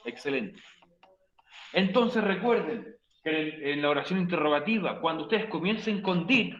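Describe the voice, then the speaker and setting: A high, bright male teacher explains grammar to his online class, teasing students and repeating each rule. The sound is roomy, with a dull, lo-fi stream quality. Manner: playful, joking with students; repeats key points for the class. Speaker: English teacher.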